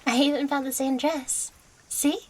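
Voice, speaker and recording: This audio roleplay features a woman as an affectionate, playful young catgirl girlfriend, coy and teasing, speaking breathily close to the listener. She uses a high voice with a steady tone at normal speed, lightly acted, with an excited, affectionate mood. The recording is low quality.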